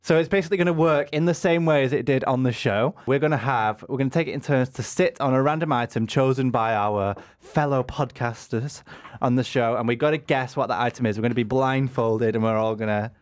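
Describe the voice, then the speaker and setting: A man's voice: medium pitch, fairly quick, no room sound, studio quality. A man hosting a podcast in natural, unscripted talk with friends, repeating himself as he organises the group. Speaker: podcast host.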